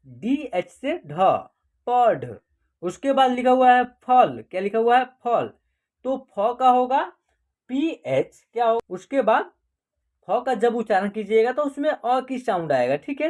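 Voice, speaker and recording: A woman's voice: on the high side, darkish tone. A woman teaching an online class, explaining step by step and asking questions that she then answers herself.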